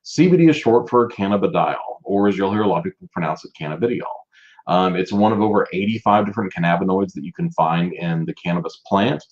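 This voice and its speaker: A man's voice: low-pitched, animated, fast talker, hardly any pauses, lo-fi sound. A man hosting a casual live stream, chatting and greeting viewers by name as he presents. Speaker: livestream host presenting a business.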